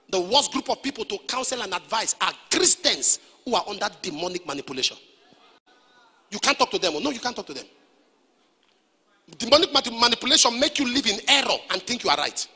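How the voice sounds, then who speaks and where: A man preaches in a high, piercing voice with a husky grain, leaping from hushed, low asides to shouted bursts. His sermon swings hard in pitch and rings with the long reverb of a big church hall. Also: big pitch swings, a little fast, long pauses. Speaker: pastor.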